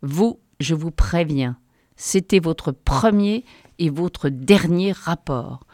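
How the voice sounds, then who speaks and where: A woman voicing a furious, obese male company vice-president who shouts slowly and with contempt. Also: deep voice, expressive, no room sound, studio quality, exaggerated voice. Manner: slow, bellowing, contemptuous.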